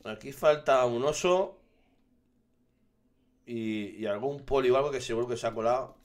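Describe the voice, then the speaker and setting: A young man from giving casual, excitable commentary over his survival gameplay, swearing and shouting when something startles him. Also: mid-range voice, moderate pace. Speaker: gaming streamer.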